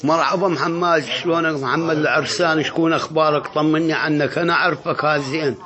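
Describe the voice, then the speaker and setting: A man's voice: on the high side, steady tone, a little fast, sharp tone. A man with a Deir ez-Zor Syrian Arabic accent teasing someone sarcastically, on a dull lo-fi recording. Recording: dull lo-fi voice message.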